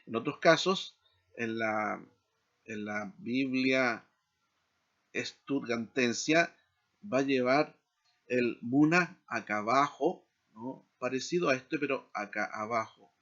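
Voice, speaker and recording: A man teaching a seminary Hebrew lesson in a slow, deliberate lecture style, checking in with short tag questions. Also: mid-range voice, fairly bright tone, dull audio. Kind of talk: recorded lecture.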